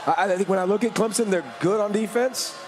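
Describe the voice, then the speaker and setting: Slightly high male football analyst. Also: fast talker, a crowd in the background. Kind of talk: live sports commentary. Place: outdoor broadcast desk.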